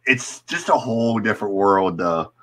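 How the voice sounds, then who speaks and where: A man hosting a podcast, telling relaxed anecdotes in casual chat. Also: lowish voice, moderate pace. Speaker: podcast host.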